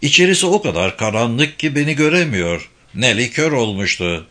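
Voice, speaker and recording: Hunted blind figure, wary and hushed, read by a man, bright timbre. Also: mid-range voice, very animated, normal speed. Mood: tense.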